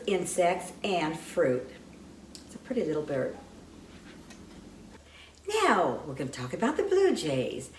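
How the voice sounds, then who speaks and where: A woman presents birds to young children in a gentle, unhurried sing-song, chatting with her bird puppets. Her pitch swoops up and down as she talks. She sounds set back from the mic in a roomy space, with a faint hum behind her. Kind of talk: children's educational talk. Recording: echoey room, mic far off, faint background hum.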